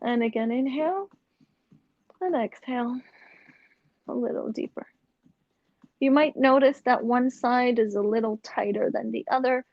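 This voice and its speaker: A young woman guiding a yoga class, giving slow, gentle cues with casual asides. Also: fairly high pitch, dry recording, muffled recording. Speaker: yoga instructor. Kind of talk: guided yoga instruction.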